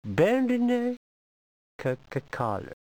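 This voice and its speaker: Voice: medium pitch, wildly swooping pitch, drawn-out words, a little mellow, no echo, full character voice. A comedian performing a pushy, teasing foreign envoy who badgers the audience with questions in a comic monologue. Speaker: stand-up comedian.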